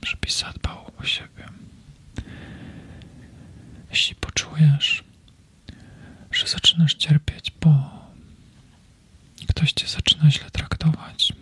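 A man in his thirties whispering slowly and soothingly in a comforting ASMR video, speaking close to the mic. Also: a little high, bright, forceful tone. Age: 30s. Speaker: ASMR creator.

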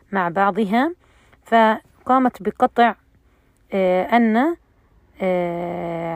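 A woman's voice: on the high side, darkish tone, no room sound. Woman teaching recitation, dry close sound. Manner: explanatory, pausing often with fillers. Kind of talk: lesson on Quran recitation rules.

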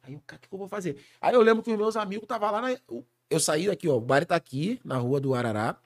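Rio funk singer in his 40s, podcast guest, rapid-fire slangy storytelling, fairly high voice. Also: animated. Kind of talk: storytelling in a casual podcast chat.

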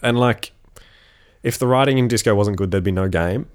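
A young co-host of a casual podcast sounds congested and keeps sniffling, staying laid-back and swearing as he stumbles through reading a forum post aloud. His voice is on the low side and smooth, at a moderate pace.

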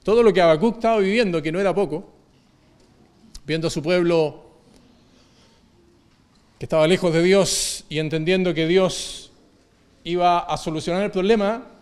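A man preaching a sermon, moving between emphatic declarations and hushed, low repetitions of key phrases. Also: normal speed, long pauses, smooth.

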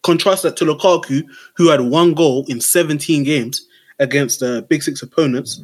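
A man's voice: fairly high pitch, normal speed, breathy edge. A young man with a London roadman accent chatting casually about sport, slangy and emphatic, often repeating phrases for effect. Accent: London, urban roadman slang. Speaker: football podcast co-host.

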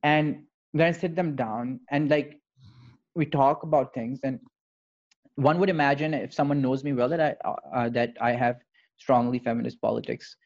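Male, Pakistani accent, medium pitch. Thoughtful, code-switching podcast storyteller with halting phrasing, recorded a little lo-fi. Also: darkish tone. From Lahore, Pakistan. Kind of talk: reflective conversational storytelling.

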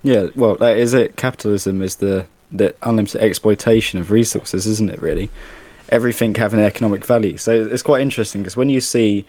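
A man with a fairly low voice rants through a casual chat. He sounds exasperated and animated, and the close mic is dry with no room sound. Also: fairly quick, few pauses, no echo.

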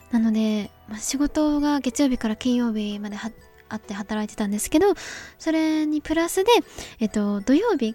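A young woman hosting a solo talk show, chatting earnestly and softly with many fillers. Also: fairly high pitch. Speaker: podcast host.

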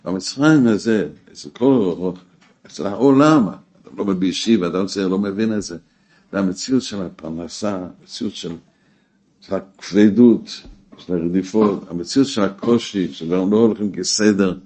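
A man teaching a weekly Torah class, emphatic, rising to exclamations and dropping low again. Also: warm tone. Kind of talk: spoken Torah lesson.

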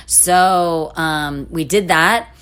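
A middle-aged woman telling a personal story in a casual interview, animated, with restarts and laughing asides. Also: fairly low pitch, extremely slow, smooth. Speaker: interview guest.

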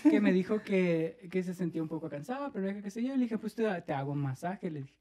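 A man with a Mexican accent telling an animated story on a podcast, laughing and acting out what people said. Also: sits high, fast talker. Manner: animated, laughing, acts out quoted voices. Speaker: podcast co-host. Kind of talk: casual storytelling chat.

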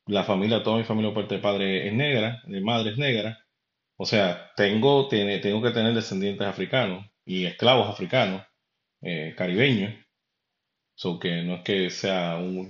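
Hosting a podcast, a Puerto Rican man with a Puerto Rican Spanish accent gives a casual, rambling opinion monologue that addresses the listener head-on. His voice is lowish and his speed normal. The recording sounds roomy, dull and lo-fi.

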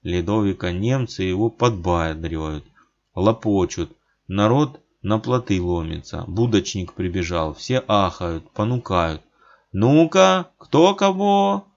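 Low-voiced man narrating an audiobook. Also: unhurried. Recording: dull lo-fi audiobook recording.

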